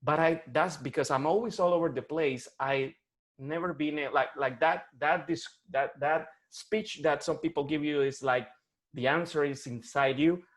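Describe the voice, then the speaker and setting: A slightly high-voiced man in his forties from Colombia halts and starts over again and again while speaking as a coaching client over video call, his Colombian Spanish accent clear.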